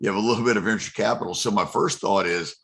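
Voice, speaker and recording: A man's voice: fairly low pitch, fast talker, a bit bright. A man, a finance expert guest, explaining in a casual conversational way and acting out quotes. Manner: conversational, clears throat, acts out quotes. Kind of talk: casual interview chat.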